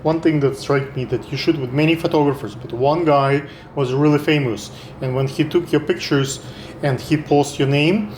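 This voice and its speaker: Hosting a casual interview, this man asks sprawling questions he frequently abandons and begins again. His voice is fairly high and darkish, with fairly even intonation and a moderate pace. Faint noise and echo fill the room.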